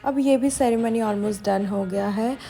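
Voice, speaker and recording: A woman's voice: on the high side, a little slow, creaky, mellow, faint music behind. A woman from India narrating a vlog in a casual, chatty way, switching between Hindi and English. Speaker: vlogger.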